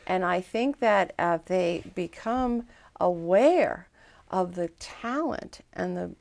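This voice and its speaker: A woman's voice: lowish voice, expressive, vocal fry, a little mellow. Chatty woman hosting a local interview. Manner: chatty and enthusiastic, quick asides. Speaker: talk show host.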